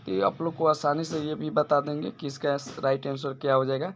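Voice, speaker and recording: A man's voice: a little high, level tone, fairly quick, slight background noise. A male teacher working through exam questions one by one, repeating and restarting phrases as he explains each answer. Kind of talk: exam-prep lesson.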